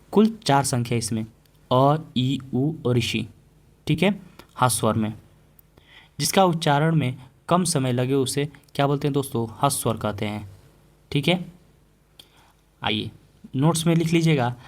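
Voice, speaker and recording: A male teacher giving an exam-prep Hindi grammar lesson, repeating example words slowly and asking the class questions he then answers himself. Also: mid-range voice.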